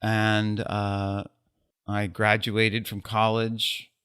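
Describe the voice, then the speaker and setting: Speaking in a lowish, monotone voice that sounds sharp yet clean, a U.S. photographer guests on a casual interview. He's reflective and self-deprecatingly wry, often pausing with "um."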